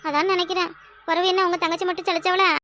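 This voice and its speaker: A woman's voice: very high voice, little pitch movement, fast talker, bright, forceful tone. A woman with a southern Tamil accent from Kanyakumari voicing a fretful young village wife in a cartoon. She complains and laments, often exclaiming to herself. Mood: lamenting. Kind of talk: cartoon voice acting.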